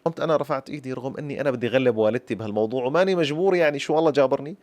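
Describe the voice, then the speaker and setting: A young man with a Syrian accent tells his own story at a breakneck clip. He speaks like a traditional storyteller, turning to his listeners again and again. His voice is mid-pitched, and the sound is dry and close. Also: rapid-fire, dry recording. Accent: Syrian Arabic. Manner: lively folk-tale storytelling with repeated flourishes addressed to listeners. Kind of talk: personal story told to camera.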